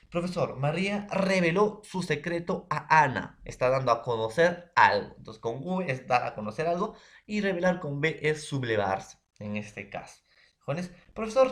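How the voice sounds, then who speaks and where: A man, from Peru, presenting a lesson in class in a halting way, stopping often to address the teacher and classmates and to check they follow. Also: a little high. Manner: keeps addressing teacher and classmates between phrases; halting, many fillers and checks for understanding.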